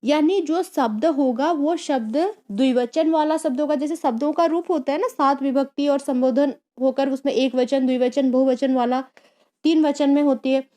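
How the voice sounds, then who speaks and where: A woman's voice: sits high, moderate pace, mellow. A woman teaching a grammar lesson, explaining patiently, repeating key terms and asking rhetorical questions. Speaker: Sanskrit teacher.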